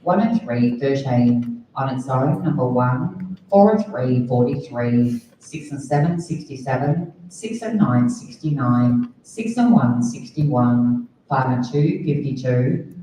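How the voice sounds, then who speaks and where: A woman with an Australian accent working as a bingo caller, reading out numbers and hall announcements in a measured, formulaic way. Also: warm tone. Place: large bingo hall over a PA. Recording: echoey hall PA, distant, faint rumbling noise.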